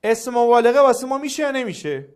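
A lively male teacher with a high voice that leaps up and down as he quizzes his class. He coaxes answers out of his students during a grammar lesson. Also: smooth.

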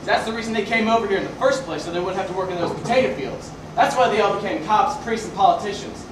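A young man playing a ranting barfly who spins a rambling tall tale in a stage comedy sketch, stopping himself mid-story and working up to shouts, heard from far off in an echoey school auditorium. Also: high-pitched, fast talker, close to an everyday voice. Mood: wry. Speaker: student performer in a variety show sketch. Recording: echoey hall, mic far off, noisy.

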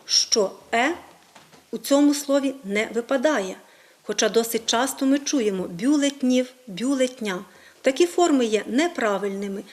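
A woman presenting a scripted language lesson on a regional TV program, clearly setting out example words one by one. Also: high-pitched, darkish tone. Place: studio.

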